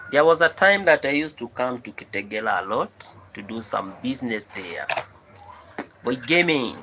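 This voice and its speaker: A Kenyan man chats unhurriedly with a viewer in a bright, forward voice. He circles back, repeating questions and phrases several times over. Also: mid-range voice, slight background noise. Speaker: vlogger. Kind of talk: casual chat to a viewer.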